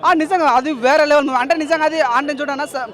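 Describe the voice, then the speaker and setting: A man's voice: extremely high pitch, fairly even intonation, racing, fairly bright tone. A man gushing about a film in a street interview, repeating himself with enthusiasm. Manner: repetitive, enthusiastic, addresses listener as "bhaiya". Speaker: moviegoer giving a review.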